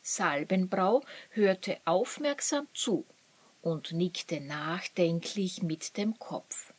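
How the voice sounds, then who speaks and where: A woman narrating a children's story in a calm, even storytelling manner. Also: medium pitch, dry recording.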